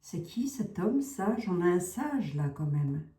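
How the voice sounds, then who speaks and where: A woman's voice: on the low side, sing-song, slow, mellow, reverberant. A woman with a Lorraine accent doing a casual tarot and oracle reading, asking questions aloud and hedging with "hein". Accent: Lorraine French. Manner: chatty, asks questions aloud, hedges with "hein". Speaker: psychic card reader.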